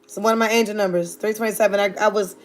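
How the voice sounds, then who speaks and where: A woman livestreamer in her thirties from Virginia, United States, chats sassily and playfully, talking straight to her viewers. Her mid-range voice holds a fairly even intonation, and she speaks very fast.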